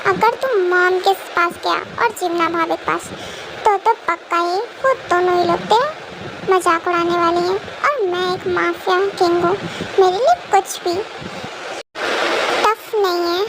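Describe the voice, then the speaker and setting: Bossy young mafia-king husband voiced by a woman, fairly high and gravelly, impatient; noisy home recording with traffic behind. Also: unhurried. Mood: teasing. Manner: scolding, impatient commands.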